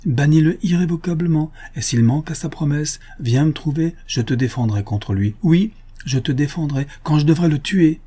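A man playing a devoted older father who turns indignant and forceful when roused. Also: mid-range voice, normal speed, slightly rough, close to an everyday voice.

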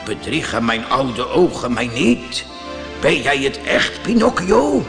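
A man voicing an old male woodcarver, a gentle father, in a storybook reading. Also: mid-range voice, sing-song, slow, creaky, long reverb tail, over music, heavily acted. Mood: tender.

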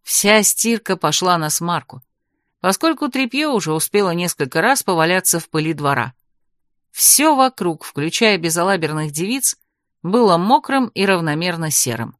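A woman reading a first-person story aloud as an audiobook narrator, in a lively, wry manner. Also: fairly low pitch, normal speed, dry recording, clean studio sound.

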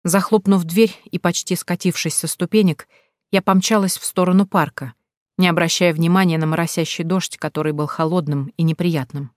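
Woman reading a tense first-person story, lowish voice, dry close mic. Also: steady tone, normal speed, darkish tone, dry recording.

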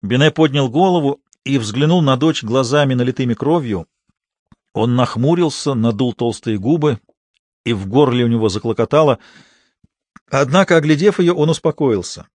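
A man narrates an audiobook in a measured, steady way. His voice sits at a middle pitch. The recording is close and dry, with no room sound. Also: no echo. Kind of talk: scripted narration.

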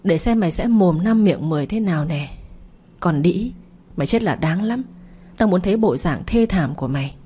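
A scheming young woman who hides her spite behind meek politeness, as a woman reading the story puts her on. The voice is low and dark, with a soft husky grain. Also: lively intonation, moderate pace. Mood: gloating. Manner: falsely polite and meek, sly when alone. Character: scheming young woman, sweetly two-faced.

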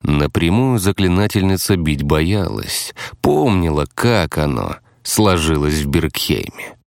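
A man narrating an audiobook in first person with a steady storytelling delivery. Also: rumbling low, a little slow, vocal fry, dry recording, studio quality.

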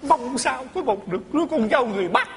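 A man's voice: very high voice, animated, fast talker. A man putting on the voice of a blunt, teasing old father in a live stage comedy skit. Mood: gushing. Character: gruff, joking old father. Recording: echoey hall, audience noise.

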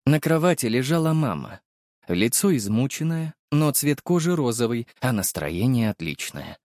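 Man narrating an audiobook, lively and wry. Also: medium pitch, normal speed, dry recording, clean studio sound. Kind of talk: first-person audiobook narration.

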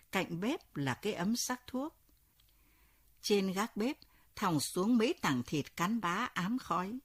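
A woman narrating a ghost story in a slow, dramatic storytelling manner. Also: fairly low pitch.

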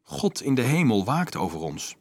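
A man voicing a kindly, gentle old monk in an audiobook, speaking softly and low. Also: sing-song, moderate pace, husky, no room sound, studio quality.

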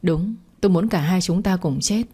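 Woman doing a jealous young woman, cold, sneery, lowish mellow voice. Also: normal speed, breathy edge. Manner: curt, sneering.

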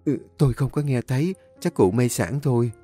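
A man's voice: mid-range voice, moderate pace, dark tone, faint music behind, pitched above the performer's own voice, lightly acted. A man voicing a tearful middle-aged woman. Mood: guarded. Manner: tearful, choked.

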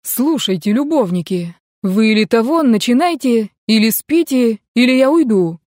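A woman's voice: on the high side, lively intonation, normal speed, a little mellow, no echo, studio quality, close to an everyday voice. A woman reading a sarcastic young mercenary. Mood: mocking. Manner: mocking, joking drawl. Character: sarcastic young male mercenary, teasing and pushy. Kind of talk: audiobook character reading.

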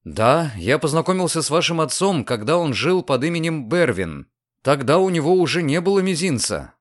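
Man reading as young man in love, ardent, hesitant, expressive, audiobook. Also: on the high side, normal speed. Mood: explaining.

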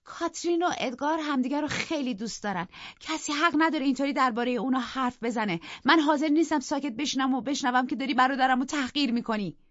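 A man voicing an anxious, defensive young woman in a high, strained voice in an audiobook. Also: animated, few pauses, a bit bright, dry recording. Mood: indignant. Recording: dry, dull lo-fi recording.

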